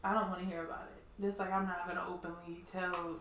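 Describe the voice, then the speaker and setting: A woman co-hosting a casual podcast chat, blunt and animated. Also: on the low side, fast, a little hiss or hum. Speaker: podcast co-host. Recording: echoey room, distant mic.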